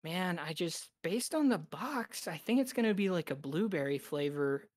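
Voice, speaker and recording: A woman with a low voice chatting casually on a podcast, recorded close and dry. She talks in a relaxed, hesitant way, filling gaps with ums and likes. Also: moderate pace, no echo. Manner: relaxed, hesitant with many fillers. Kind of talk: casual chat.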